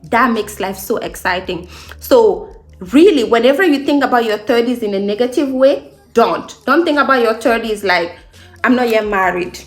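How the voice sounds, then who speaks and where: Speaking at a normal speed over faint background music, a woman from Guinea in her late twenties chats animatedly in a slightly high voice. She is a beauty vlogger doing a casual get-ready-with-me, upbeat and emphatic, repeating phrases to cheer on her viewers.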